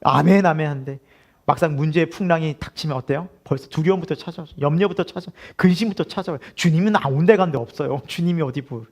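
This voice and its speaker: A male pastor preaches at a midweek prayer service in a fast, rather high voice. He questions the congregation, laughs often and acts out the voices of those he quotes.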